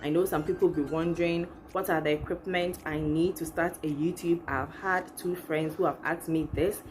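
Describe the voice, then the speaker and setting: A young woman with a Ghanaian accent talks casually and expressively to her viewers as a channel host, with background music in her living room. Her low-pitched voice keeps fairly even intonation at a normal speed.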